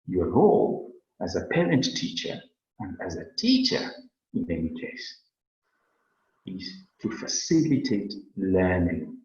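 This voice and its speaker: A Kenyan man teaching a webinar in an earnest, animated way, his pitch rising and falling widely as he explains. He often repeats a word while searching for the next. The sound is heavily echoey and dull, like lo-fi online-meeting audio. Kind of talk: lecture on a webinar.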